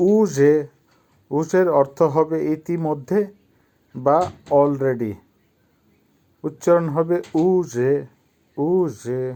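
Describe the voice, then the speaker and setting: A man teaching a vocabulary lesson, saying each word, giving its meaning, and repeating it slowly for pronunciation. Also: a little high, mellow. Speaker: language teacher.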